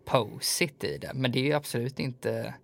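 A man's voice: medium pitch, creaky, a bit bright. A man interviewing a guest, asking in a thoughtful, searching way. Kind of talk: casual interview.

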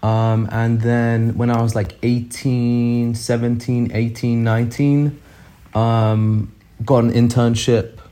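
A man's voice: mid-range voice, level tone, takes it slowly, warm tone. A young man from England in his twenties, chatting on a podcast in a laid-back, rambling way. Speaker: podcast guest. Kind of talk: casual chat.

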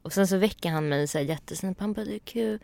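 A woman podcast host telling a personal story in casual chat, animated and acting out the dialogue. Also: mid-range voice, creaky, no room sound. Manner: animated, acts out quoted dialogue.

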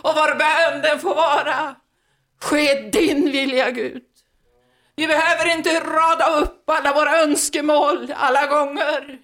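A woman's voice: high voice, fairly even intonation, a bit bright. A woman giving a fervent, sermon-like testimony at a church meeting, emphatic and breaking into laughter between phrases.

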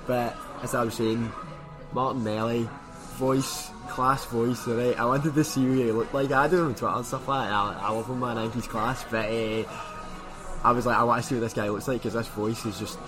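A man's voice: mid-range voice, steady tone, moderate pace, over music. A man with a broad Glaswegian Scottish accent chatting casually as a podcast guest, rambling along in colloquial Scots slang.

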